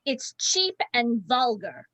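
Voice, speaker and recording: A woman's voice: on the high side, sing-song, slow pace, a bit bright, full character voice, rough recording. A woman reading the part of a prim, indignant member of a village drama group. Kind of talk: amateur play reading. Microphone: video call.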